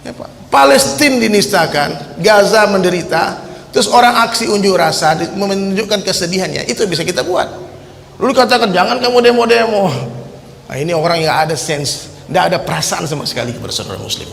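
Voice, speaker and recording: A man preaching a fiery sermon to a large gathering, swinging between calm talk and shouting, and often turning to his listeners as "sir". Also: sits high, quick pace, vocal fry. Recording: echoey hall with faint background noise.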